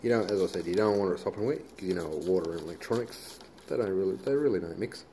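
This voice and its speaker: An Australian hobbyist demonstrator gives casual, laid-back hands-on how-to commentary in colloquial language. His voice is low, fast, and mellow, captured on a noisy handheld home video.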